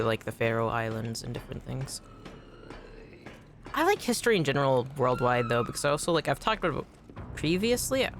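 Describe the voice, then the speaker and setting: While playing, a game streamer chats casually and rambles, repeating words for emphasis. The voice is medium-pitched, with a little hiss or hum.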